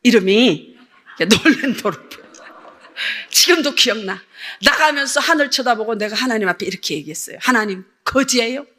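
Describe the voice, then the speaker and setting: An older woman missionary gives a lively sermon testimony, acting out voices as she tells her story. Her voice sits high and bright. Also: moderate pace, pauses often. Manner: animated storytelling, acts out dialogue.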